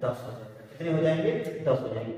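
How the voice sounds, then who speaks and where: A man's voice: medium pitch, fast talker, mellow, distant mic. Man teaching in an echoey room. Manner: asks questions and answers them himself; repeats key words, sometimes sing-song. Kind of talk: classroom lecture.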